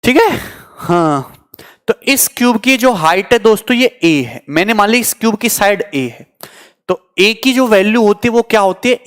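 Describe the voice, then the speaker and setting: A man's voice: sits high, clean tone. A man teaching maths in a live coaching class, joking with students and mixing English terms into his explanations. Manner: teasing, chatty, answers student comments. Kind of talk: online exam coaching lecture.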